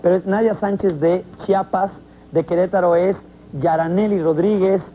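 A man's voice: high-pitched, steady tone, mellow, slight background noise, poor audio. A man from Mexico hosting a studio talk show, teasing and joking with his guests between questions. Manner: joking, teasing, quick interjections.

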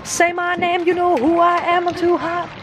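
A woman's voice: very high voice, level tone, measured pace. A woman filming her toddler on a boat, cooing and teasing the child in a mix of Vietnamese and English. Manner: coos and teases a crying toddler, mixing Vietnamese and English. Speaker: mother filming her baby. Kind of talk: casual family vlog chat. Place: outdoors on a boat. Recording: loud outdoor noise, handheld camera.

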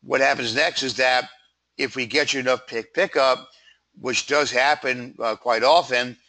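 A man with a froggy voice giving a conversational slide presentation as a sales pitch, informally stressing items in lists. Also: steady tone, unhurried, pushed and bright. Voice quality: froggy, throat-clearing voice. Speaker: PR company presenter.

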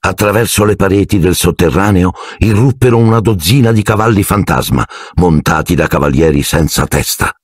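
A man reading an audiobook aloud in an expressive, animated way. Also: sits low, husky, no room sound. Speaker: audiobook narrator. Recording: dry close recording.

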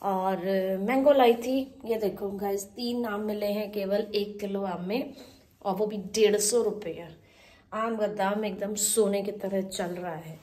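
A woman's voice: medium pitch, fairly even intonation, a little slow, warm tone. A woman in her forties chatting casually to viewers in a daily vlog, filmed on a phone at arm's length in her home. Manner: chatty, addresses viewers directly, gestures while talking. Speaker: vlogger. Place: home rooms and kitchen, indoors. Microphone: phone held at arm's length.

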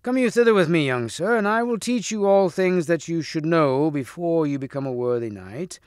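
A man voicing a gentle, kindly old knight who speaks slowly and calmly. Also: on the high side, clear, resonant tone, dry recording, studio quality, voice pushed up, close to an everyday voice.

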